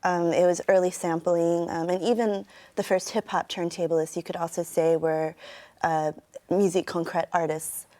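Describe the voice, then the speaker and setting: A woman in middle age speaks in a somewhat low voice with a standard American accent. She gives conversational interview answers, laying out her thoughts in long, considered explanations. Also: level tone, moderate pace, mellow. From United States. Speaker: interview guest, turntablist and sound artist.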